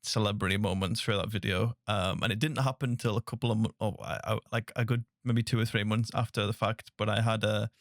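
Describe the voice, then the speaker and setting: A man with a Northern English accent, hosting a soft-spoken podcast interview in a casual, chatty way and laughing easily. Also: on the low side, steady tone, fairly quick, few pauses, dry recording, studio quality. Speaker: podcast host.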